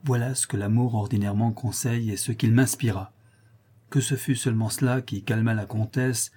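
Husky, mellow male audiobook narrator. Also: mid-range voice. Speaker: audiobook reader.

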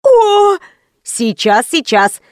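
A woman's voice: high-pitched, expressive, dry recording, studio quality. A woman voicing a flustered young female friend who chatters eagerly and fusses to please, in an audiobook reading. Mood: fussing. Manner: fussy, quick, eager to please.

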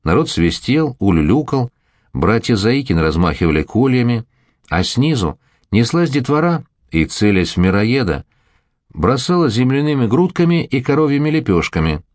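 A man narrating a novel as an audiobook in a measured storytelling manner. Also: medium pitch, sing-song, no room sound, studio quality.

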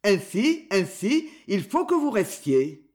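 Male reader playing a blustering old uncle in a novel reading, lively pitch, slow delivery. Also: full character voice. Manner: blustering, animated. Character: agitated older uncle, blustering but tender.

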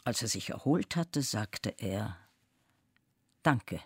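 A man giving a measured, expressive scripted literary reading. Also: mid-range voice, no room sound, studio quality. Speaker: reader.

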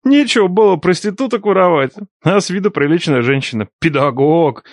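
A man's voice: sits high, animated, brisk, no echo. A man voicing a cocky young former student who teases his teachers with sarcastic banter, in an audiobook. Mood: mocking. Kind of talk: audiobook character dialogue.

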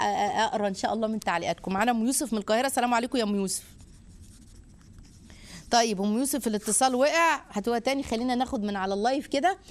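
An Egyptian woman hosting a live religious advice show. She exhorts and gently teases her callers in an animated way. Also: mid-range voice. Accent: Egyptian Arabic. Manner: animated, exhorting, warmly teasing. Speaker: host answering viewer questions.

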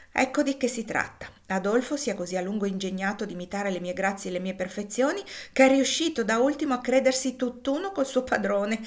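Lady doing a lazy witty gentleman, drawls and teases, storybook reading. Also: medium pitch, natural voice. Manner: drawling, playful, teasing. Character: ironic, languid gentleman, easygoing and witty.

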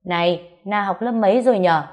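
A woman voicing a kind young village man who gently coaxes a frightened little girl in a storybook reading. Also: mid-range voice, fairly quick, lightly acted. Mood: gentle coaxing. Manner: gentle, coaxing questions.

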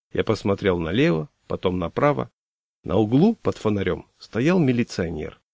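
A man reading a humorous story aloud in a wry, measured storyteller's manner. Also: lowish voice, a little mellow, dry recording, studio quality.

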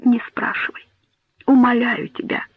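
A man reading a storybook voices a dying mother who speaks in grave, hushed, imploring tones. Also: very high-pitched, monotone, unhurried, slightly rough, dry recording, whispered, voice pushed up, exaggerated voice. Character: dying mother hiding a grim secret. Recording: tinny phone-like dry audio.

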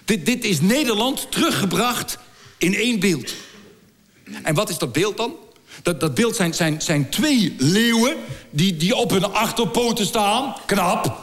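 A middle-aged man doing a stand-up comedy routine for a live audience. He stammers and repeats words as he builds crude, deadpan jokes. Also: sits high, unhurried.

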